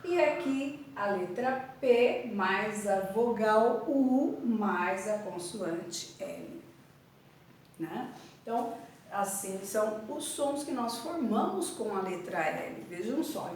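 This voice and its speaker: A woman's voice: mid-range voice, expressive, takes it slowly, slight background noise. A woman teaching a literacy lesson, spelling out syllables letter by letter and repeating each word. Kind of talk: slow classroom literacy lesson. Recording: echoey room from far off.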